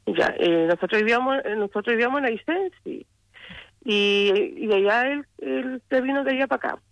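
A woman's voice: on the high side, fairly quick, no echo. Hesitant Chilean woman on a phone line. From southern Chile. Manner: hesitant, repeats words. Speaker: caller. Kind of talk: phone-in testimony.

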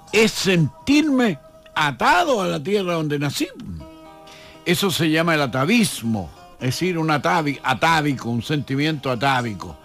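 A man's voice: mid-range voice, fairly bright tone. A Chilean man, a historian, answering in a radio interview, thoughtful and often restarting his words. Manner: hesitant, repeats words, reflective. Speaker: historian guest.

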